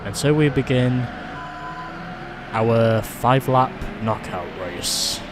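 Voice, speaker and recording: A man in a casual let's play, commenting on a racing game at an unhurried pace. His voice sits in a plain middle register, relaxed and chatty, and he reads out event descriptions as he goes. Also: mid-range voice, noisy background.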